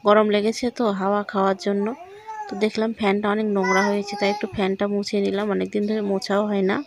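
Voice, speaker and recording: Chatty woman vlogging her chores, flat delivery. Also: mid-range voice, fast, noisy background. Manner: chatty, talks straight to viewers. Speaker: vlogger, mother of two daughters. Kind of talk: casual vlog narration of daily chores. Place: home and courtyard by a water tap.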